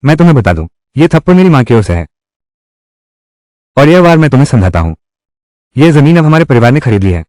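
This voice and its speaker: A man's voice: mid-range voice, sing-song, a little fast, long pauses, darkish tone, no echo, studio quality. A man reading all the character lines of a dubbed drama in one voice. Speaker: voice-over reader of a dubbed drama.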